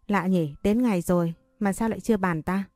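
A woman's voice: medium pitch, brisk, darkish tone, dry recording, faint music behind, natural voice. A woman reading a story voicing a scheming woman who coaxes a servant over the phone. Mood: coaxing. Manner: coaxing, persuasive.

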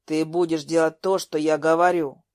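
A domineering young man barks orders in a low, stern voice, as a woman puts him on. His tone is cold and commanding and his delivery is loud and forceful. The sound is dry and close. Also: moderate pace, no echo, close to an everyday voice. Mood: cold, threatening.

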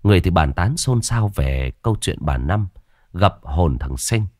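A man narrating a ghost story in a steady, dramatic way. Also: low-pitched, normal speed, dry recording, clean studio sound.

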